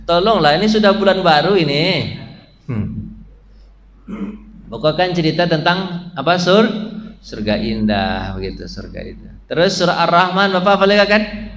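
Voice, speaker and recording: A man's voice: sits high, vocal fry, fairly bright tone. A male preacher giving a mosque study talk, joking with the congregation and chanting Quran verses in between. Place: mosque hall. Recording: echoey mosque with faint hum.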